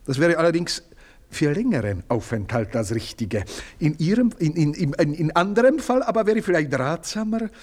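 In a radio play, an actor voices Theodor, a meddling, servile house servant who speaks in long-winded, fawning phrases. His voice is slightly high, swinging widely in pitch, at a normal speed.

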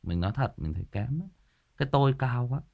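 A man's voice: medium pitch, expressive, fast talker, vocal fry, lo-fi sound. A man from Vietnam, hosting a ghost story channel and chatting emphatically with his listeners. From Thai Nguyen, northern Vietnam. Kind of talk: casual chat to listeners.

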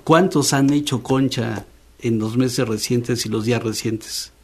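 A Mexican man hosts a relaxed university radio chat in a middle-pitched voice. He talks in a loose, easygoing way and keeps checking in with tag questions. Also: a little slow, slightly rough. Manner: chatty, frequent tag questions. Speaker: radio host. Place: radio studio.

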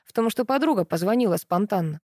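A level-headed male police officer in an audiobook, voiced by a woman reader. He reasons in a calm, matter-of-fact way. The tone is mellow and dark, and the recording is close and dry. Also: medium pitch, fast, no room sound, natural voice. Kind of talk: audiobook dialogue reading.

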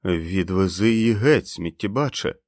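A man voicing a terrified male henchman who speaks hoarsely and trembles as he coaxes. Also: low-pitched, expressive, normal speed, a little mellow, no room sound, studio quality. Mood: urgent pleading.

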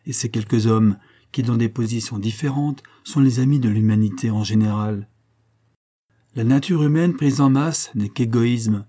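A proud working man of about forty, read by a man. He speaks in a dark, mellow, slightly husky voice, earnest and plain-spoken. The storybook reading is steady and unhurried. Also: mid-range voice, close to an everyday voice. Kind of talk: audiobook character reading.

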